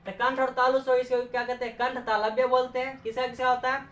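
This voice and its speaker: High-voiced woman teaching in an echoey room. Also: level tone, fast. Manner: asks questions then answers them, repeats points; frequent "okay" checks with students. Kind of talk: classroom lecture. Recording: echoey room, dull lo-fi sound.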